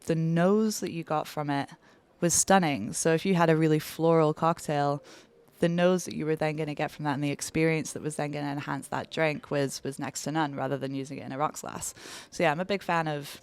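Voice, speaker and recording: A woman's voice: low voice, steady tone, brisk, a little mellow, clear, resonant tone, dry recording. A woman in her thirties from Belgium, a bartender talking enthusiastically in a casual podcast interview, lingering on descriptive words. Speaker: bartender guest.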